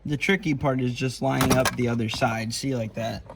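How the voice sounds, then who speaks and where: A man with a medium pitch, steady tone and some vocal fry talks at a moderate pace while installing a CB radio in a car in his garage. The vlog is informal and hands-on, and the home-video audio is slightly noisy with handling clicks.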